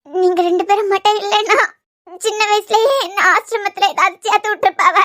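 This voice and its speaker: A woman's voice: extremely high pitch, fairly even intonation, brisk, a bit bright. A woman voicing a tearful young granddaughter. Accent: Kanyakumari Tamil. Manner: tearful, pleading. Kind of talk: cartoon serial voice acting.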